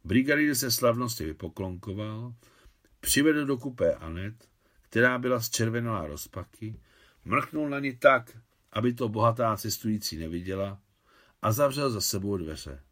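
A man's voice: lowish voice, lively intonation, fairly bright tone. Man reading a novel aloud. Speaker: audiobook narrator. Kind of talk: literary audiobook narration.

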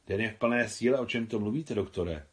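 A man's voice: lowish voice, close to an everyday voice. A man reading as an eager young woman. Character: young woman, admiral's daughter, curious and eager. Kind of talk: audiobook character reading.

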